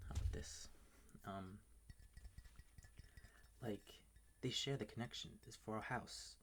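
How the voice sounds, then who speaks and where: Low-voiced man, late-night whispered ASMR rant, swears freely, faint tapping noise behind. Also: vocal fry. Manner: whispering, ranting, swears often. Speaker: ASMR video maker. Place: bedroom at home at night. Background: faint keyboard tapping and clicks.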